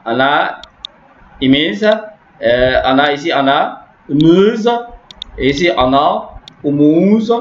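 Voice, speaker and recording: A man teaches a language lesson in a slightly high voice, walking through grammar rules and repeating each point several times. The recording is echoey and dull, like a lo-fi room capture. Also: lively intonation, slow pace, slight background noise. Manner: repetitive, explaining step by step with frequent "n'est-ce pas".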